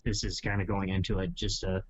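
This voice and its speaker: A man's voice: low-pitched, little pitch movement, fairly quick, lo-fi sound. A man hosting a casual podcast chat, talking in rambling, hedging sentences full of asides. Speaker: podcast host.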